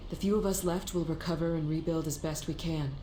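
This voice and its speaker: An actress playing a solemn, resolute guardian of a sisterhood in a video game, speaking formally and graciously. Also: female voice, low-pitched, steady tone, fairly quick, mellow, reverberant, slight background noise, close to an everyday voice. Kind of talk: video game character dialogue.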